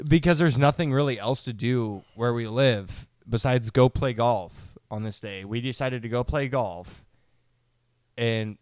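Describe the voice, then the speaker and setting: A young man co-hosting a podcast, talking in an animated way, swearing often and cutting in. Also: medium pitch, clean tone, dry recording, clean studio sound. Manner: animated, swears a lot, jumps in. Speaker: podcast co-host. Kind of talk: casual chat.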